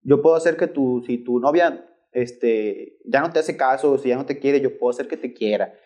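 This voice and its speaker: A woman's voice: very deep voice, normal speed, muffled recording. A man voicing an elderly village healer woman, friendly and motherly in how she talks. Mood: confiding. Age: older. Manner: friendly, calls him "mijito".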